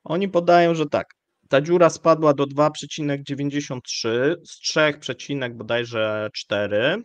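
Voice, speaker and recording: A man hosting live economic commentary, speaking in a measured, hesitant way with frequent fillers. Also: fairly high pitch, steady tone, no room sound, highs cut off. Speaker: show host.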